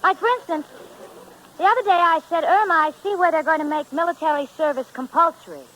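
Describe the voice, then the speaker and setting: A woman's voice: very high voice, brisk, a bit bright, rough recording. An actress playing a dry, patient young woman who narrates a comedy in a 1940s old radio show broadcast. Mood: wry. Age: young adult. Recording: hissy vintage radio broadcast.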